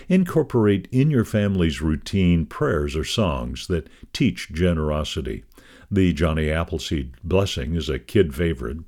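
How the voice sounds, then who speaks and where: A man with a very low voice reads a devotional magazine column aloud. His reading is measured and scripted, and his intonation rises and falls in wide, lively swings. He keeps the same steady, expressive delivery throughout.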